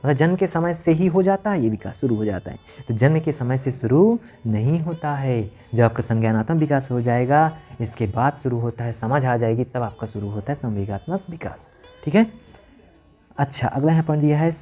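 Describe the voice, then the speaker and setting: Man teaching a lecture, warm mellow voice. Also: mid-range voice, normal speed, faint music behind. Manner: explains point by point, repeats lines, asks and answers his own questions. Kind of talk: exam-prep lecture.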